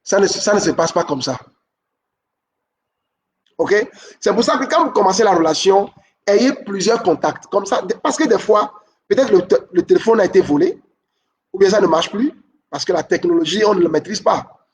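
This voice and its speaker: Recorded from a distance, a man with a notably high voice delivers relationship advice steadily and instructively. He leans on repetition to make his points stick and frequently pauses to check that people are following.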